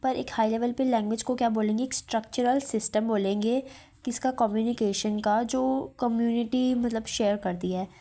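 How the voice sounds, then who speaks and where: A woman's voice: fairly high pitch, fairly even intonation, normal speed, dark tone. Woman teacher quizzing herself aloud. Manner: asks and answers her own questions; mixes Hindi and English terms. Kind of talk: explaining lecture notes.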